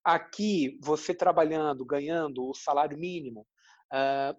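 Man, Rio Brazilian accent, husky slightly high voice, dry dull lo-fi sound, explanatory. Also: a little slow, no echo. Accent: Rio de Janeiro Brazilian Portuguese. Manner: explanatory, thoughtful, frequent "né?" tags. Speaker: journalist. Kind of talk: interview answers.

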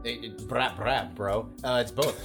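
A man co-hosting an improv comedy podcast, joking around in an animated way and slipping into silly voices. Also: on the low side, a little slow, music in the background. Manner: animated, jokey, bursts into silly voices and laughter. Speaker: podcast co-host.

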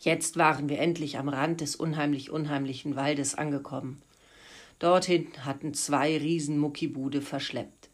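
A woman teacher reading a children's adventure story aloud to her pupils in a lively, playful way. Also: sits low, moderate pace.

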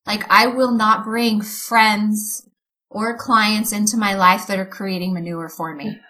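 Bright-voiced candid woman guest. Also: medium pitch, steady tone, unhurried, poor audio. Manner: candid, emotional, faith-filled storytelling. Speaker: interview guest, coach. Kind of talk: conversational interview.

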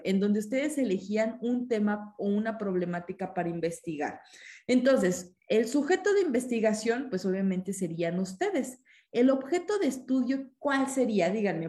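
A woman's voice: mid-range voice, darkish tone. A woman teaches a live online class. She explains patiently, asks the students questions and reads their comments aloud. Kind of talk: live-streamed lesson reading chat comments.

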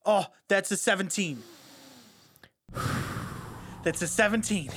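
A woman's voice: medium pitch, slow pace, a bit bright, slight background noise. A woman chatting casually and expressively as a player in a tabletop role-playing game.

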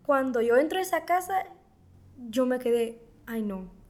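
A young woman giving a casual church testimony in an interview, telling her story in a lively way and acting out remembered dialogue. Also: high voice, normal speed.

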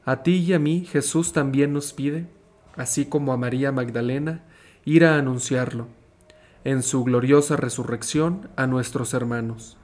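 A young man, a seminarian, reading a gospel passage and then giving a short reflection in a calm, measured, earnest voice. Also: medium pitch.

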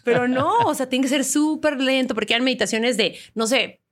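Lively woman voice-over artist. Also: sits high, brisk. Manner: lively, animated storytelling with laughs. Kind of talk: casual podcast conversation.

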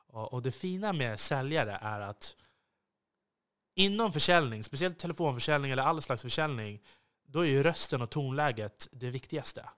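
A man's voice: medium pitch, fairly bright tone. Male podcast host, solo monologue, intense and earnest, slightly biting edge, lots of hesitations. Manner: intense, earnest delivery that can sound biting; frequent hesitations and restarts.

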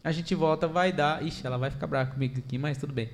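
A middle-aged man with a Brazilian accent, a podcast guest telling stories in an animated, chatty way full of fillers. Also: on the high side, quick pace, a loud crowd. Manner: animated, chatty, many fillers, laughs at own story. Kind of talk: casual storytelling chat.

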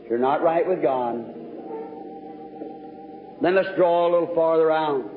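Preaching at a revival in a big, echoing meeting hall, an evangelist urges on his congregation with fervor. He speaks at a fairly high pitch and a little slowly, captured on a tinny, noisy old recording.

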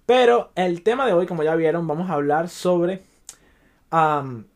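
A young Venezuelan man with a Venezuelan Spanish accent hosts a casual solo podcast, his fairly high voice animated but measured in pace. He keeps things loose and chatty, dropping English words in as he goes.

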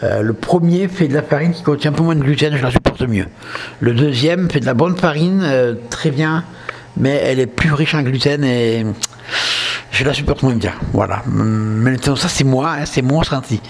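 A man's voice: mid-range voice, normal speed, a little hiss or hum. A man with a southern French accent hosting a casual solo podcast, chatting straight to his listeners and often checking in with them. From southern France. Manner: chatty, addresses listeners directly with frequent "ok?". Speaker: podcast host.

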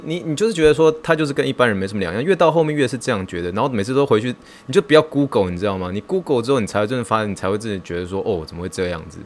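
A man hosting a podcast, talking in a casual, excitable and self-mocking way, mixing in English words. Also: mid-range voice, a little hiss or hum. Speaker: podcast host.

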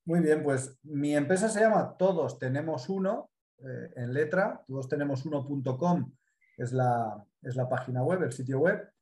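A middle-aged business consultant from Spain's Mediterranean coast speaks with a Spanish accent, explaining his work in a measured way during a live interview. His pitch is fairly high, his intonation lively and his tone darkish. The sound is roomy.

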